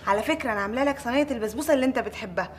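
A woman's voice: on the high side, rapid-fire, a little hiss or hum, natural voice. An actress playing a sweet but cheeky Egyptian daughter who pleads with her parents. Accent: Egyptian Arabic. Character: scared cheeky teenage daughter.

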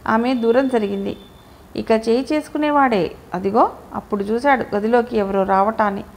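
A woman's voice: fairly high pitch, moderate pace, rough recording. A woman reading a novel aloud as an audiobook, voicing every character herself with little change of voice. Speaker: audiobook narrator.

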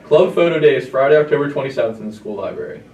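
A man reading morning school announcements as a student announcer in a brisk, matter-of-fact way, heard through a loudspeaker. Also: mid-range voice, lively intonation, reverberant, recorded from a distance, muffled recording.

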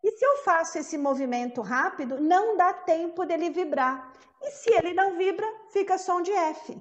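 A woman teaching an English pronunciation lesson, patiently saying each word slowly and more than once to model the sounds. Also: extremely high pitch, expressive, muffled recording. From Brazil.

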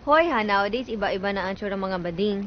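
A woman's voice: mid-range voice, fast, lo-fi sound, a little hiss or hum, natural voice. An actress playing an outspoken young woman who teases and pries, in a film drama. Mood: prying. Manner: teasing, blunt. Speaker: office mate, visiting woman.

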